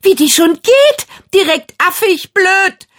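A woman voicing a vain, spoiled young girl who rants and shouts in a shrill voice, in a read-aloud children's story. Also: sing-song, slow, full character voice. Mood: furious. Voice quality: shrill, squealing. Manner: indignant, ranting, shouting. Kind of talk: storybook reading.

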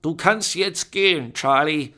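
A man doing a shrill, wheedling old great-aunt. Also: measured pace, pushed and bright. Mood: triumphant.

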